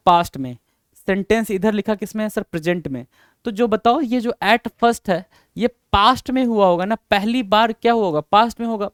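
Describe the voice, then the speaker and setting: High-voiced teacher. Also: male voice, clear, resonant tone, no room sound, studio quality. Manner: mixes Hindi and English, calls students "beta" and "sir", repeats himself. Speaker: English teacher. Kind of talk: Hindi-English grammar lesson.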